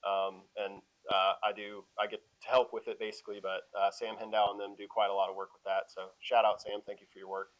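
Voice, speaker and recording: A man introducing himself on a conference panel as a traffic engineer, relaxed and joking, with many fillers. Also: on the low side, a little fast, hardly any pauses. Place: conference room. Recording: dull lo-fi room audio.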